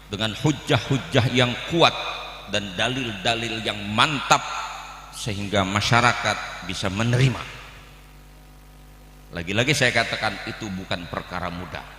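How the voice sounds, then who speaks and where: A man with a Jakarta Betawi accent delivering a humorous, blunt sermon, moving from calm teaching to loud outbursts. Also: lowish voice, reverberant, in a large hall. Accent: Jakarta Betawi Indonesian. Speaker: preacher. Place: large hall at a memorial gathering.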